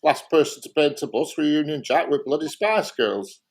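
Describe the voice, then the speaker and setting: With a fairly high voice, lively intonation, and a normal pace, a man from Lancashire chats casually on a live stream. He airs his opinions bluntly and emphatically, often saying the same thing more than once.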